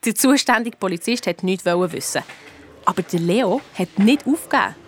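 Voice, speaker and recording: For a children's radio play, a woman voices a young girl detective with a Swiss accent, eagerly and bluntly narrating her story in colloquial, frank fashion. Her mid-range voice has lively intonation and a moderate pace, close to an everyday voice, with a little hiss or hum.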